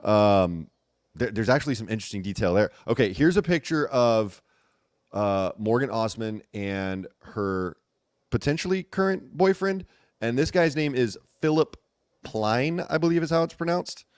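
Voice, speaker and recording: A man hosting a casual gossip commentary chat, talking in an animated, teasing way with emphatic repetition. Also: mid-range voice, normal speed, no echo, studio quality. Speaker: host.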